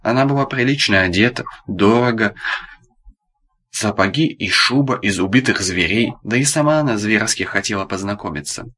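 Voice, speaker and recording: A man reading an audiobook aloud, narrating in a darkly ironic, deadpan storytelling manner. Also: fairly low pitch, moderate pace, husky. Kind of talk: scripted narration.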